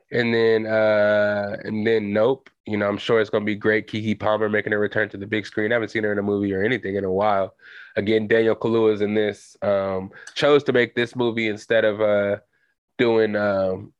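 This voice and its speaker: With a voice on the low side, a young adult man chats casually on his solo podcast, loose with slang and heavy on fillers. The home recording is dull and lo-fi, with no echo.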